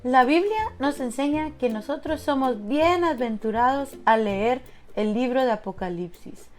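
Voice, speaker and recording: Woman, children's show host, bright sing-song delivery, high pitch, music behind. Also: animated, unhurried. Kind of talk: children's Bible lesson and craft instruction.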